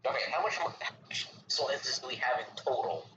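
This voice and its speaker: A man's voice: medium pitch, very animated, quick pace, sharp tone. A man playing a tabletop game over voice chat, asking questions and planning aloud. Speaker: player. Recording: muffled voice chat with clear background noise.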